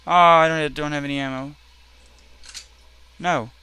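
A man hosting a let's play, talking through his game with loud, profane outbursts at enemies. His voice is bright and forceful and sits a little high for a man. He says he is tired and irritated. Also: fairly even intonation, unhurried, smooth. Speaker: gaming channel host. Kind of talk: casual let's play commentary.

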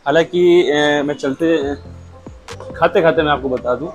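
A man's voice: a little high, moderate pace, faint music behind, low-quality recording. Chatty Lucknow man reviewing food. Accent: Lucknow Hindustani. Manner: relaxed, chatty, describes each dish while eating. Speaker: food vlogger. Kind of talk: casual food review to camera. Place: restaurant table indoors. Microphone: lapel mic.

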